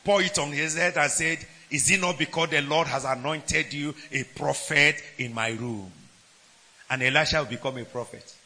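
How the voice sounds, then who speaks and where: A man preaching a sermon. He swings between shouted lines and low asides, and keeps asking the congregation questions. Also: moderate pace. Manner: asks the congregation questions, laughs between points.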